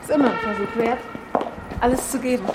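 A woman's voice: fairly high pitch, fast, very noisy. A woman, a newly elected member of parliament, talking reflectively in a documentary interview and sometimes searching for words.

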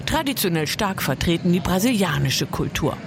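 A reporter reading a scripted voice-over for a news story in a lively way. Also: mid-range voice, moderate pace, vocal fry, music in the background.

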